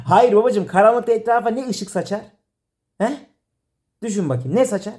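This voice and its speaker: A man's voice: sits high, lively intonation, moderate pace, a little mellow. A man directing a comedy sketch, teasing and exasperated, laughing often. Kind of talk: playful directing banter.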